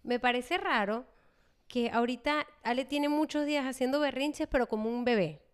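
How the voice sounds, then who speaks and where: A woman's voice: high-pitched, normal speed, clear, resonant tone. A woman, co-hosting a podcast as a mother and chatting casually about parenting. She talks animatedly and acts out her child's lines. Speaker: podcast co-host.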